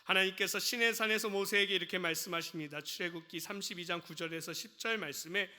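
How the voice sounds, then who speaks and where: High, bright-voiced preacher man in a hall. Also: quick pace. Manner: asks the congregation questions, acts out quoted lines. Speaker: pastor. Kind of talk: sermon. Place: church sanctuary.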